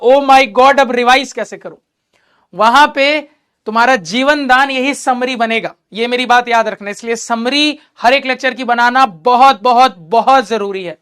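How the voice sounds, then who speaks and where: A man's voice: extremely high pitch, pushed and bright, clean tone. A man teaching math in an online class, encouraging his students and repeating key points while talking to them directly.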